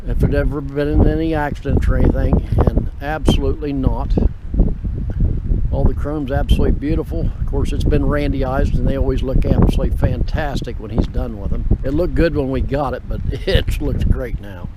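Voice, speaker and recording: A man's voice: medium pitch, steady tone, moderate pace. A man presenting a car in a casual, rambling walk-around, raising his voice over the wind outdoors. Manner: rambling, jumps between points. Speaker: car dealer presenting vehicles. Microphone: camera's built-in microphone. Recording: loud wind noise on camera microphone.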